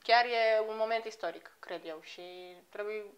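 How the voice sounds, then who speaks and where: A woman's voice: mid-range voice, lo-fi sound. A woman in her thirties, a singer being interviewed, talking casually and laughing easily. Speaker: guest, singer.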